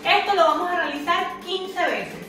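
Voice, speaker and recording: A woman's voice: extremely high pitch, moderate pace, pushed and bright. A woman working as a fitness instructor, giving exercise cues and counting repetitions aloud with short, encouraging commands. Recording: echoey room, far from mic, music behind. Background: music.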